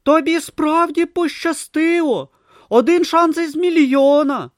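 A man's voice: a little slow, no room sound, studio quality. A man voicing a timid, naive young male novice monk, anxious and flustered in an audiobook. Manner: anxious, flustered, high and breathless. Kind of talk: audiobook character voice.

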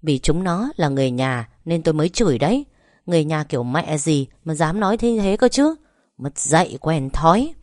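A woman's voice: lowish voice, expressive, normal speed, no room sound, studio quality, close to an everyday voice. A woman doing a furious, foul-mouthed older mother-in-law. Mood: furious scolding. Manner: shouting, cursing, bossy. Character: hot-tempered older woman, fiercely protective mother-in-law.

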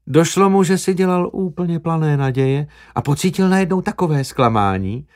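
A man narrating an audiobook with expressive storytelling. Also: fairly high pitch.

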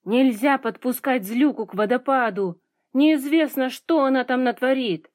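A woman voicing a brave young girl heroine who shouts in outrage. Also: on the high side, very animated, moderate pace, no room sound, clean studio sound. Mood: indignant.

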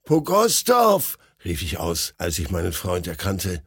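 A man narrating a story with a measured, dramatic reading. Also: sits low, level tone, slightly rough, dry recording. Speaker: audiobook narrator.

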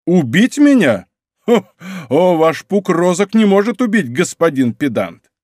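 A man's voice: sits high, very animated, measured pace, darkish tone, no room sound, studio quality, voice pushed up. A man voicing a scheming, hot-tempered young nobleman in an audiobook, with a raised, taunting delivery. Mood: furious. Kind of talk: audiobook character voice.

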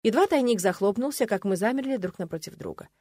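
A woman reads a fantasy novel aloud in the first person, with a wry, expressive storytelling manner. Her voice sits at an ordinary middle pitch and swings lively up and down. The recording is dry and close, with no room sound around her. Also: fast talker, no echo. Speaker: audiobook narrator.

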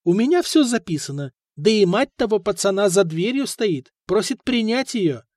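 A man's voice: sits high, sing-song, normal speed, a little mellow, no echo, studio quality, pitched above the performer's own voice. A man voicing a thin, obsequious court clerk who talks eagerly and fawningly to his superior, in an audiobook.

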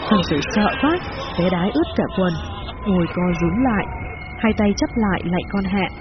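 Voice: medium pitch, expressive, a little fast, a loud crowd. A storyteller narrating a horror story in a tense, vivid manner. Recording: muffled recording with loud music bed.

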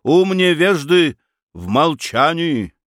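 Guy doing an imperious mystic count, slow, ironic, big swooping pitch. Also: very animated, a bit bright, dry recording, studio quality, full character voice. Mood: calm, lofty. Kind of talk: audiobook character voice.

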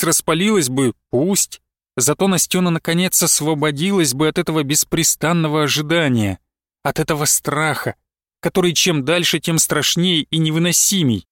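A man narrating literary prose in a measured, expressive audiobook reading. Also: a little high, dry recording, clean studio sound.

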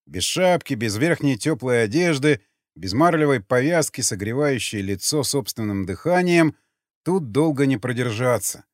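A man giving an expressive, measured dramatic audiobook narration. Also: medium pitch, dry recording. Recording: dry close mic, faint music.

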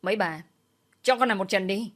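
A woman voicing a vicious older woman who hurls abuse, in a storybook reading. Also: lightly acted. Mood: furious. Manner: shrill, fast, abusive.

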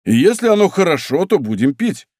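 A jovial musketeer who loves his wine , put on by a male reader, booms out with a raised, lively voice. The recording is close and dry. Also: a little fast, slightly rough, no room sound. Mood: hearty. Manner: boisterous, raised voice.

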